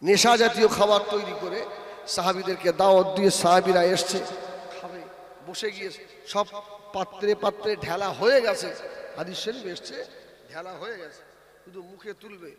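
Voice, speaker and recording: Male waz preacher, very high voice, long loudspeaker reverb, storytelling that swells into slow chanting. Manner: shifts between low storytelling and loud slow sung chanting. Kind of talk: Bengali Islamic sermon, waz. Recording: echoey, reverberant loudspeaker sound.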